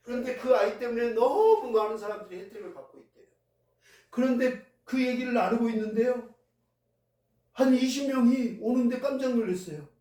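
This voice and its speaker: Male pastor, high mellow voice, chatty storytelling sermon, heavy hall echo from a distance. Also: moderate pace. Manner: conversational storytelling, recounting events with feeling. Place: church sanctuary. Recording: very echoey hall, voice heard from a distance.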